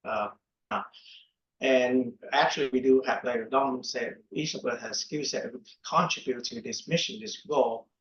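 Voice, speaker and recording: A man's voice: mid-range voice, fairly even intonation, moderate pace. A man from Vietnam, a startup co-founder speaking earnestly in a casual panel. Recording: echoey, dull lo-fi room sound.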